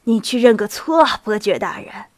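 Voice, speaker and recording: A woman reading the lines of a stern older cavalry captain, deliberate and reproachful. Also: medium pitch, expressive, a little mellow, no room sound, natural voice. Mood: firm.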